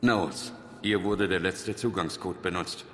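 A man's voice: sits low, measured pace, a crowd in the background. A man voicing a hard, resolute human military commander in a dramatic video game, stern, blunt and commanding. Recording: reverberant, faint noise and ambience.

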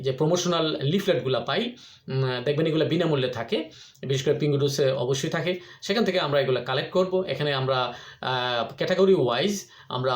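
Man rambling through advice, echoey room. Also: fairly high pitch. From Bangladesh. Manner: rambling, frequent "ah" fillers and restarts. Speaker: vlogger. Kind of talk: casual advice talk.

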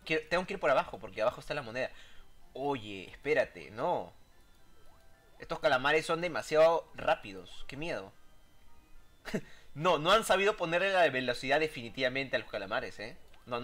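Bright-voiced excitable man playing a game. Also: a little high. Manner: excitable, jokey, yelps at surprises. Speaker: gameplay commentator. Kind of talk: casual let's-play commentary. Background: game music.

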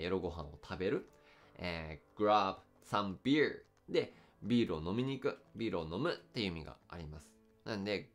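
Low-voiced man teaching English test answers. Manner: slow careful English readouts, frequent fillers. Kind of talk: explaining test questions.

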